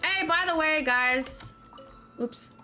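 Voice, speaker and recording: A gaming livestream host chats casually while playing, musing aloud in short fragments as let's play commentary. Her voice sits high, slow and sharp in tone, with faint music, faint noise and keyboard typing in the background.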